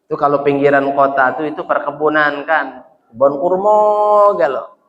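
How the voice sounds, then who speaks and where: An animated man with a Palembang accent tells a sermon story, his voice sitting fairly high and addressing the congregation directly. A big mosque hall lends a long, ringing reverb. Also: moderate pace, highs cut off. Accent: Palembang Malay. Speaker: preacher.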